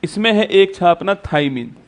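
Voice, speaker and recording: High-voiced male exam-prep teacher. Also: lively intonation, moderate pace. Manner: repetitive, quizzes students with rhetorical questions. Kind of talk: exam-prep classroom lecture.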